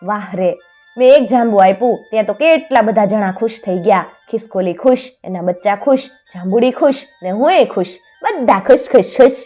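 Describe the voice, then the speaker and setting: A woman's voice: mid-range voice, normal speed, mellow, soft background music, close to an everyday voice. A woman voicing a kind-hearted little boy in a storybook tale, eager and cheerful. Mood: delighted.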